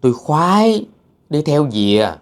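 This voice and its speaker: A man voicing a petulant female ghost speaking through a possessed young man, in a shrill, womanish voice with a Southern Vietnamese accent and a whiny, sassy manner. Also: big pitch swings, unhurried. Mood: pleading.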